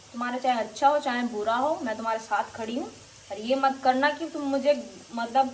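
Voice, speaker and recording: Young woman chatting frankly at home. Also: a little high. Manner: frank, scolding children at times. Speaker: vlogger and mother. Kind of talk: casual home vlog chat. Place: home in northern India. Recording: faint background noise.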